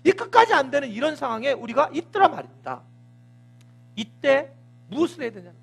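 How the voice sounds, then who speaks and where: A man's voice: extremely high pitch, big pitch swings, brisk, fairly bright tone. A man, a senior pastor, preaching a Sunday sermon with vivid storytelling, sound words and acted dialogue.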